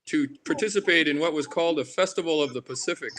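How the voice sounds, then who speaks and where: Over background noise and poor audio, an older man, an artist and carver under interview, reminisces casually. He speaks haltingly and rambles, with repeated starts and tangents, in a voice on the high side with a fairly bright tone.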